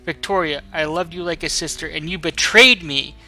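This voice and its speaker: A man's voice: on the high side, normal speed, over loud music, natural voice. A man voicing a wounded, accusing young noblewoman, reading video game dialogue with passion. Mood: wounded anger. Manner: impassioned, accusing. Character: wounded, indignant young noblewoman leading a rebellion. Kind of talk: dramatic read-aloud of game dialogue.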